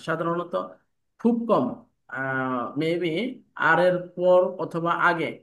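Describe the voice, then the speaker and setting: A man's voice: a little high, a bit bright. A man teaching a spoken English class, explaining step by step and checking often that students follow. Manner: explains step by step, asks "ঠিক আছে?" often. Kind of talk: online class lecture.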